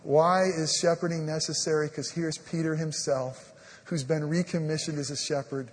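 A man preaching a sermon as pastor, animated, swinging between loud emphasis and a soft hush and acting out the scripture dialogue, with many "I mean" fillers. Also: fairly high pitch, moderate pace, in a large hall. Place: church sanctuary.

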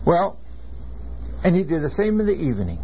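A man's voice: on the high side, big pitch swings, slight background noise. An older man from California, a seminary professor, lecturing earnestly and telling stories from his own life. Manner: measured, earnest, anecdotal. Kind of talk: classroom lecture with personal storytelling. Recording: dull lo-fi lecture recording.

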